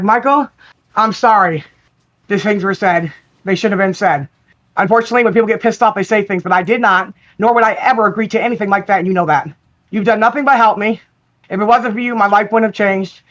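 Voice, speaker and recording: A woman's voice: medium pitch, brisk, a bit bright, muffled recording. A woman calling into a livestream, apologizing in a pleading voice and repeating herself. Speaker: guest calling in.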